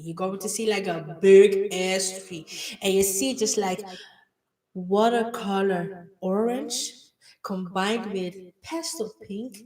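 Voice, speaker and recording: A woman's voice: mid-range voice, darkish tone, distant mic. A woman leading a guided visualization in a dreamy, gushing way, full of fillers. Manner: dreamy, gushing, talks with many "like"s. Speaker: meditation guide.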